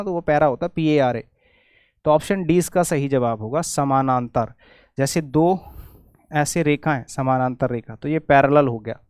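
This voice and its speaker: A man's voice: fairly high pitch, clear, resonant tone, dry recording, clean studio sound. A middle-aged man from India teaching English spelling to exam students, spelling words out letter by letter, repeating them and correcting his own slips.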